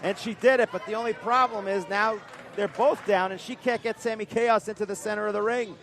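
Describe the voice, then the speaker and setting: A man doing live wrestling commentary, excitable and quick to exclaim at the big moves. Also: high voice, vocal fry. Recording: loud crowd noise, live event venue. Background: crowd and event noise.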